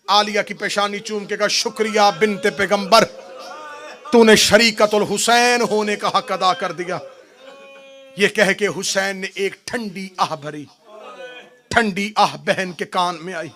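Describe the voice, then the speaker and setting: A male preacher recites a mourning sermon with a high, gravelly voice. He draws his phrases out slowly, dropping to hushed murmurs and climbing to wailing shouts.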